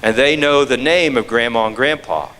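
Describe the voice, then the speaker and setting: A fraud prevention speaker gives a scam-prevention talk to an audience, rapidly posing rhetorical questions and repeating key phrases for emphasis. His mid-range voice moves at a normal pace and sounds pushed and bright, with a long reverb tail.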